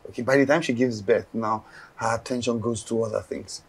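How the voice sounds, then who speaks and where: An actor playing an earnest young Nigerian man in a film drama, with a husky, gravelly voice. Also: medium pitch, fairly even intonation, fairly quick.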